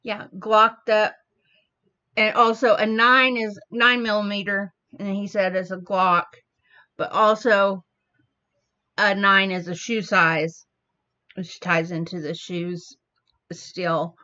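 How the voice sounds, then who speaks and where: A woman hosting a reaction video, slowly explaining the wordplay of a song line by line. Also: medium pitch, little pitch movement, pushed and bright. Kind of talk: casual commentary. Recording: dull lo-fi audio.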